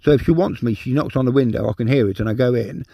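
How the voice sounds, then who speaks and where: A man's voice: medium pitch, fast talker, gravelly, dry recording, lo-fi sound. A man from England ranting in an agitated personal monologue, repeating himself and swearing in emotional outbursts. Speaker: vlogger.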